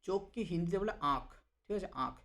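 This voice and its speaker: A man teaching Hindi vocabulary to Bengali speakers, explaining each word and repeating it slowly. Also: on the high side, animated. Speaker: language teacher. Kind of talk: vocabulary lesson.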